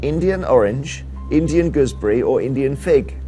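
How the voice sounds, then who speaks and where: A man's voice: medium pitch, animated, moderate pace, mellow, soft background music. A man hosting a TV quiz show, reading questions and bantering with the contestants in a teasing way. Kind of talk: TV quiz presenting.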